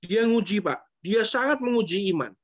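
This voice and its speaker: A pastor answers a question in a casual, conversational way during an online church session, saying "Pak" again and again. His pitch swings lively at a moderate pace, and the lo-fi stream audio sounds dull.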